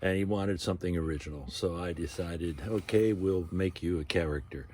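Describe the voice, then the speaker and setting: A man in his sixties giving an informal demonstration in an unhurried, halting way, with trailing asides. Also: sits low, warm tone. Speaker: ventriloquist and puppet carver. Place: outdoor canopy tent used as carving workshop.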